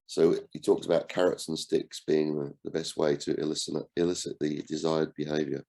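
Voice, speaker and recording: A man with a cold and a croaky voice, hosting an online book discussion in a relaxed way and asking his group questions. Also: very deep voice, fairly quick. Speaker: book club host and coach.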